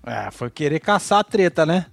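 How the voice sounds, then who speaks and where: A man's voice: fairly high pitch, very animated, normal speed, gravelly, dry recording, faint music behind. A man co-hosting a casual gossip chat, mostly chiming in with short reactions. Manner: brief reactive interjections. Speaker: co-host.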